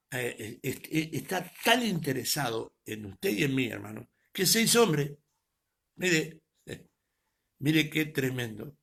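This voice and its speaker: A man preaching, his voice heavily gravelly and husky. He swells to loud, emphatic peaks, then lets words drop to a near murmur. His pitch sits in an ordinary middle range. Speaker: pastor. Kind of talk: sermon. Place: preaching to an online audience.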